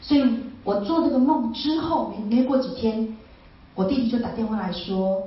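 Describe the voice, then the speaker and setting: A woman's voice: a little high, lively intonation, normal speed. A woman gives an emotional personal testimony, repeating phrases and asking her listeners rhetorical questions. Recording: very echoey, distant, slightly dull sound.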